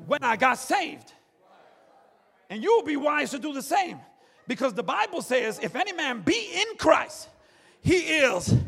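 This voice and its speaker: A middle-aged man preaches a fervent sermon with a very high, rough-edged voice, crying out hallelujah over and over. His shouts ring through a long church reverb, with faint music playing under him. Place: church sanctuary.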